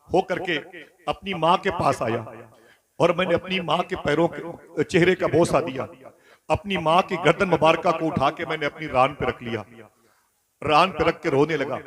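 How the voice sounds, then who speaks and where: A man preaching an emotional sermon, telling a story dramatically and voicing its characters with rising intensity. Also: fairly high pitch. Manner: dramatic, voices grief and quoted speech with rising intensity. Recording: crowd audible behind.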